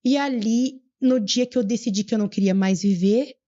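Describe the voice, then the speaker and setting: A young adult woman, telling her personal story as a podcast guest in an earnest, fervent way and slowing down for emphasis. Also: a little high, dark tone, dull audio. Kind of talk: emotional personal testimony.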